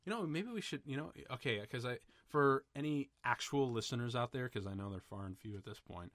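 A man co-hosting a podcast, chatting casually about a movie in an excitable, rambling way with plenty of swearing. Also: medium pitch, brisk, no echo. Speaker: podcast co-host. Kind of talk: casual movie commentary chat.

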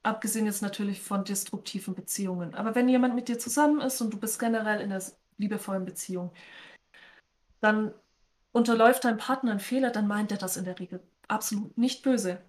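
Calm woman guest explaining. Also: medium pitch, fast. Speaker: podcast guest. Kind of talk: explaining in conversation.

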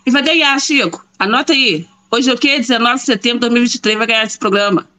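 A woman's voice: a little high, fast talker, sharp tone. A woman commenting on a live show in casual chat, emphatic and repeating herself for effect.

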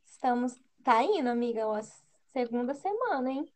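A young Brazilian woman with a Brazilian accent chats casually as a podcast co-host, in a bubbly, girly, slangy and expressive way. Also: fairly high pitch, moderate pace. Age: young adult. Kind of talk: casual chat between friends.

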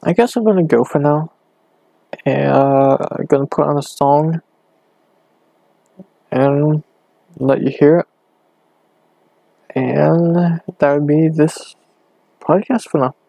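A young man rambling hesitantly on his own podcast, talking low in his bedroom with a hand cupped over the mic. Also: creaky, warm tone, no echo. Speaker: podcast host. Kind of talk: casual solo podcast. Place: bedroom at home.

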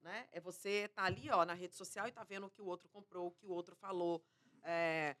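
Quick bright-voiced mineira woman. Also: lowish voice. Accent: mineiro Brazilian Portuguese. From Minas Gerais, Brazil. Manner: lively, chatty, fond of slang. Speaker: journalist guest. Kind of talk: casual talk-show interview.

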